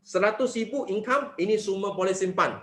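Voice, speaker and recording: A man giving an animated sales presentation, often asking his listeners rhetorical questions. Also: high-pitched, moderate pace, roomy sound. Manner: animated, mixing in English phrases, asks rhetorical questions. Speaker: network marketing presenter.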